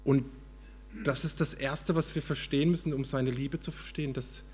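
Brief: earnest male preacher, calm storyteller, medium pitch, a slightly husky voice. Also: normal speed, long reverb tail. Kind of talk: storytelling sermon.

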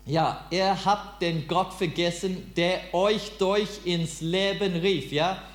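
A man whose first language is English, preaching in halting, broken German and quizzing his listeners. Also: sits high, steady tone. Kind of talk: interactive sermon. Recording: roomy with mains hum.

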